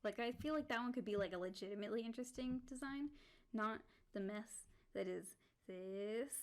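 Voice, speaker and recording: A woman's voice: mid-range voice, moderate pace. A woman streamer chatting casually and rambling while she draws. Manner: rambling, full of "like" and restarts. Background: faint background music.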